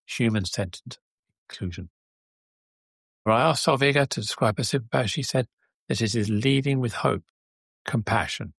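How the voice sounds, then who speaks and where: Male interview host with a low, gravelly voice, gracious and chatty, recorded dry and close. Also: no room sound. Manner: gracious, chatty, thinks aloud. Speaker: podcast host. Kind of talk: conversational interview hosting.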